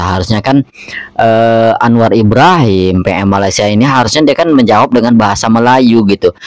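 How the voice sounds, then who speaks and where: A man's voice: on the low side, no room sound, clean studio sound. A man with an Indonesian accent giving casual, rambling commentary as host of a reaction video.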